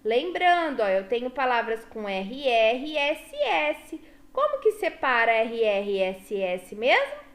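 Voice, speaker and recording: A high-voiced Brazilian woman teacher, talking slowly and patiently to small children as she walks them through a workbook. Her pitch swoops up and down in a sing-song way, and she keeps checking in with short questions. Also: big pitch swings. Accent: Brazilian Portuguese. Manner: slow, sing-song teacher talk with frequent "tá?" and "ó". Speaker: primary school teacher. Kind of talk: explaining a workbook to young children.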